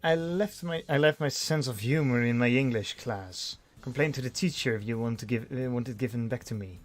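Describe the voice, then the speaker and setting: A man's voice: medium pitch, brisk, faint music behind. A man reading a visual novel aloud in first person, with dry delivery and frequent restarts. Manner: dry narration with restarts and sighs.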